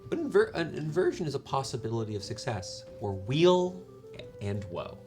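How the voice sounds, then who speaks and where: Lively-voiced male game master. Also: medium pitch, moderate pace, soft background music. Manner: describes scenes at length, often restarting phrases. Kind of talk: narrating a tabletop game.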